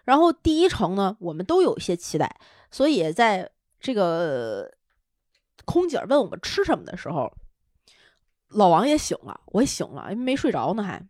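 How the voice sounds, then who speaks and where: A woman podcast co-host telling a travel story in casual chat, animated and often laughing as she acts out quotes. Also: mid-range voice, moderate pace, no room sound, clean studio sound.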